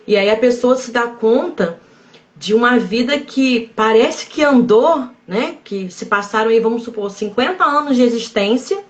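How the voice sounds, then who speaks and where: Woman psychologist talking it through, measured and explanatory, kinda dull lo-fi audio. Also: a little high. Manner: measured, explanatory, frequent tag questions. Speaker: psychologist guest. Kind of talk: live-stream conversation.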